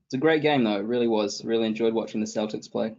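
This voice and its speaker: This is a New Zealand man in his thirties, a guest support consultant giving a webinar explanation from an indoor home room with a bookshelf. He talks fast but stays warm, low-key, steady and explanatory, opening answers with "absolutely." His laptop mic on the video call gives dull, lo-fi audio.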